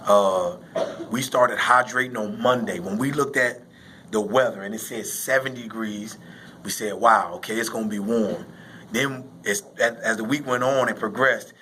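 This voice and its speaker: Guy coaching football talking after the game, repeats stuff for emphasis, mid pitch, bit of noise behind. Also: steady tone, a little fast, sharp tone, poor audio. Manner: emphatic, repetitive phrasing. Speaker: high school football coach. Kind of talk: postgame interview, casual explaining.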